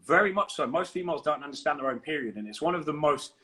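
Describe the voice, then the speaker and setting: A man's voice: on the high side, expressive, fast talker, a bit bright, rough recording. A man co-hosting a podcast, explaining nutrition in a confident, emphatic coaching manner. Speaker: fitness coach and podcast co-host.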